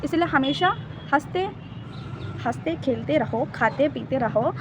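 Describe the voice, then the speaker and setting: A woman's voice: high voice, animated, measured pace, background noise. A young woman talking casually to her viewers in a vlog, chatty and motivational, mixing in English words. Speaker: vlogger. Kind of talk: casual vlog talk to camera.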